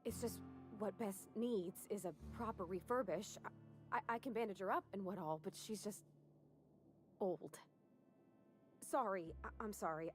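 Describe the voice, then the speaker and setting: An actress playing a timid, apologetic young mechanic in a video game, hesitant and folksy. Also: female voice, mid-range voice, moderate pace, long pauses, soft background music, close to an everyday voice. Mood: nervous, apologetic. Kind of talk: video game character acting.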